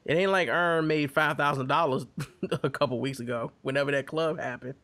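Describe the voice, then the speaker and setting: A man's voice: on the high side, fairly quick. A man hosting a podcast, casually reviewing a TV episode and acting out characters' quoted lines as he retells it. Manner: animated storytelling, acts out quoted lines. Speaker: podcast host.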